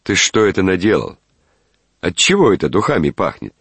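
Man playing an excitable, vain official for a storybook reading, deep, husky, swings from shouting to musing. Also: slow pace, no room sound, heavily acted. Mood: agitated. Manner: agitated shouts, then dreamy musing.

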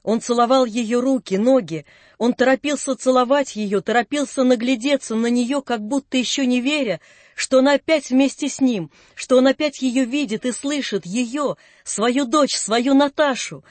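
A narrator reading classic prose for an audiobook in a soft, measured storytelling manner. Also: sits high, dry recording.

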